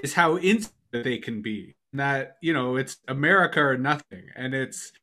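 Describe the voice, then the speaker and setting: A man's voice: medium pitch, expressive, moderate pace, sharp tone. A man co-hosting a casual interview on a video call, asking engaged, curious questions. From Canada. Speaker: podcast co-host.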